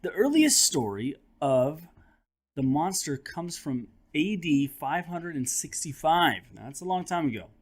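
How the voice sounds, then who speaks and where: Reading a children's book aloud as a teacher and host, a man uses a slightly high voice that swings widely in pitch. He's dramatic and expressive at a measured pace, throwing in conversational asides to young listeners.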